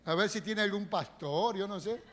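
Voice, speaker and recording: High-voiced man preaching a sermon. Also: normal speed, fairly bright tone. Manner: emphatic preaching with rhetorical questions. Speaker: pastor. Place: church sanctuary. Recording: long church reverb on a live stream.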